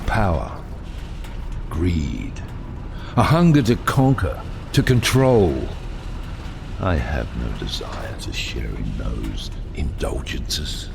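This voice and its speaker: An actor playing a proud, brooding, self-exiled submarine captain in an audio drama, with grandiose, deliberate, theatrical delivery and a gravelly voice. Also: male voice, rumbling low, big pitch swings, noisy background, full character voice. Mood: bitter, brooding.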